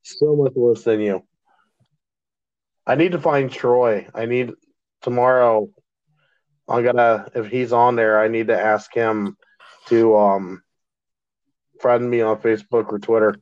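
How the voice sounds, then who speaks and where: Chill guy podcasting, mid-pitched, laughs a lot, kinda muffled dry mic. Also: fairly even intonation, a little mellow, smooth, no echo. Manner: laid-back, laughs often, drawn-out phrasing. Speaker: podcast co-host. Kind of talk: casual chat. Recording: dull lo-fi sound.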